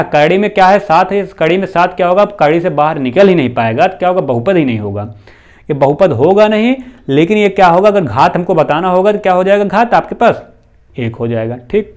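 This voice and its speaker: A male math teacher giving a slow, repetitive classroom lesson, posing questions to the students and answering them himself. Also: sits high, a little mellow. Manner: often adds "bhaiya" and "theek hai na".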